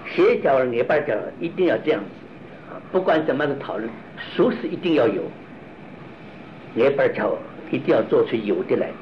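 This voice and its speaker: A man teaching Buddhist philosophy in a slow, halting lecture, often repeating and restarting his phrases and asking rhetorical questions. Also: mid-range voice, very animated, highs cut off, a little hiss or hum.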